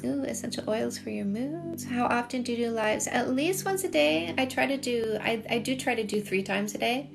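Animated and a little high, a middle-aged Canadian woman talks at a moderate pace with vocal fry and barely any pauses, music running behind her. As a dating coach on a livestream, she chats through viewer comments and repeats points for emphasis, recorded on a phone at arm's length in a small indoor room with shelves.

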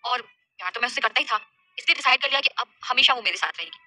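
A woman's voice: a little high, lively intonation, fast, pushed and bright, no echo, soft background music. A woman voicing an impulsive lovestruck young man who stammers and pleads. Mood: tender.

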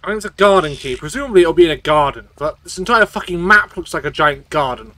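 Bright-voiced swearing man streaming a game. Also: on the high side, expressive, fast talker, dry recording. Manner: swearing, rambling, tipsy from drinking shots. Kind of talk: casual gameplay commentary.

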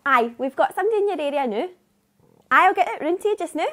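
A woman's voice: very high voice, animated, quick pace, fairly bright tone. A young woman with a broad Scottish accent playing a chatty, naive, eager taxi dispatcher in a comedy sketch. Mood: cheerful, obliging. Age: young adult. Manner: chatty, colloquial. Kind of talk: acted comedy sketch, chatty customer-service talk. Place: small office, indoors.

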